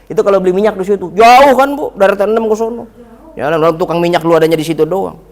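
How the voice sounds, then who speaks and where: A man giving a lively mosque lecture, telling stories, acting out dialogue and joking with the congregation. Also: high-pitched, fast talker. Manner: lively storytelling, acts out dialogue, jokes with audience. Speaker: preacher. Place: mosque hall. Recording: reverberant mosque hall.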